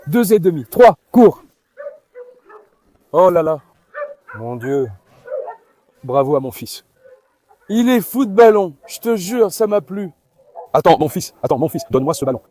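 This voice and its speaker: Male farm vlogger, high voice, dry close sound, keeps coaxing and calling the dogs. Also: warm tone, no echo. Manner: coaxing, calls to the dogs while talking to viewers. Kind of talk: casual vlog commentary.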